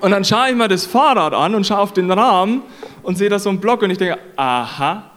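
A man's voice: sits high, fast, a bit bright. A man preaching a sermon in an earnest, conversational way, repeating phrases for emphasis.

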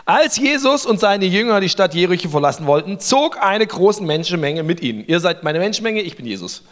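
High-voiced playful male preacher. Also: very animated, fairly quick, fairly bright tone. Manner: playful, joking, directs audience participation. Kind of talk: lively interactive sermon with storytelling. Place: before a live congregation.

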